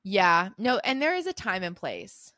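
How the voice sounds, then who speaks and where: A woman's voice: mid-range voice, wildly swooping pitch, a little slow, bright, forceful tone, no room sound. Young woman cohosting a podcast, teasing and giggly, dry close sound, kinda midrange voice. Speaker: podcast co-host. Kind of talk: casual chat.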